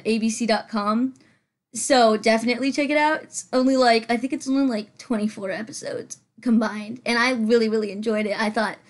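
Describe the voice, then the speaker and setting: A woman with a slightly high voice talks through her build in a loose, rambling voice-over. She is chatty and self-deprecating and full of fillers. She sounds a little out of breath and sits a bit back from her microphone at home. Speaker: Sims building channel host. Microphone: farther from the mic than usual.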